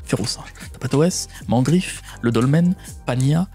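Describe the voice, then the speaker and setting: A man with a French accent opening trading card packs on camera, commenting excitedly, swinging between hushed mutters and loud shouts. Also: medium pitch, a little slow, faint music behind.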